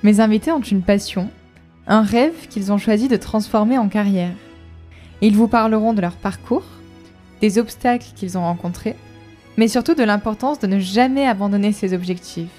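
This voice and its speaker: A woman presents her podcast in a friendly, measured way, her voice mellow and warm. Soft music plays faintly behind her. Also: mid-range voice. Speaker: podcast host. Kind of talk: scripted podcast intro and interview.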